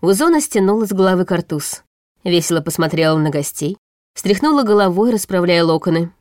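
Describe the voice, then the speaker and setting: A woman reads a fantasy audiobook in a calm, measured way. Her voice sits on the low side, and the studio sound is close and dry. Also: dry recording. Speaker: audiobook narrator. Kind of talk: scripted narration of a fantasy novel.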